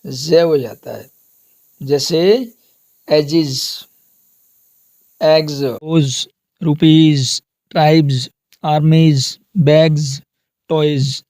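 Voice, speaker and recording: Slow-drilling male teacher. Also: a little high, steady tone, darkish tone. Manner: slow, repetitive drilling, asks and answers own questions. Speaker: English teacher. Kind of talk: classroom lesson on pronunciation.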